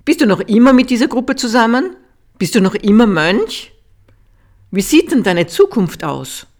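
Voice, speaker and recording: A displeased father fires off pointed questions at his son, as a reader puts him on, rising in pitch and getting louder. The voice stays close to the reader's own. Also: very animated, normal speed. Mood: reproachful.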